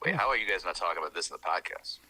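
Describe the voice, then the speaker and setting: A man's voice: low-pitched, lively intonation, very fast, crowd noise. A man calling in on speakerphone, a tattoo artist chatting casually, laughing and swearing freely. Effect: on speakerphone over a phone call. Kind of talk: casual phone chat.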